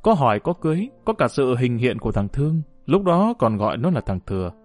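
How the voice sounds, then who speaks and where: Man playing a steady middle-aged husband, calm, measured, faint music. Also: mid-range voice, natural voice. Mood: earnest.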